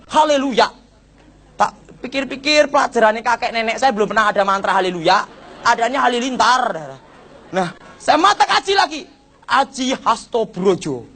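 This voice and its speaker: Animated man with a Javanese accent. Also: extremely high pitch. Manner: keeps addressing the audience as brothers and sisters; acts out dialogue with lively voice swings. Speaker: former shaman giving a church testimony. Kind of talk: animated spoken testimony.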